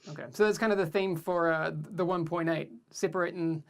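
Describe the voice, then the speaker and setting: A man's voice: on the high side, fairly even intonation, brisk. A man hosting a game livestream show, upbeat and full of fillers. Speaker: host.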